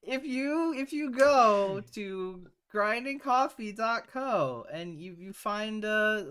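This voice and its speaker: A man's voice: sits high, a bit bright, clear, resonant tone. A man hosting a livestream in casual banter, joking and stumbling through a sponsor read. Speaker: cast member and stream host.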